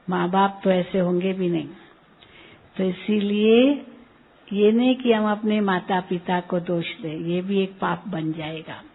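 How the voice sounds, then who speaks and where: Slow, soft-spoken woman teacher, lo-fi. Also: mid-range voice, vocal fry, slightly rough. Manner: gentle, asks the audience questions and answers them. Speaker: spiritual teacher. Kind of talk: spiritual discourse to retreat participants. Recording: phone-like lo-fi recording.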